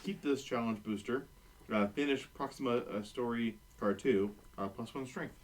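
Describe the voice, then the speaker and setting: A man's voice: mid-range voice, moderate pace. Hesitant man reading a game card. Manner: hesitant, many uhs while reading. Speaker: board game player. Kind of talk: casual chat, reading a card aloud.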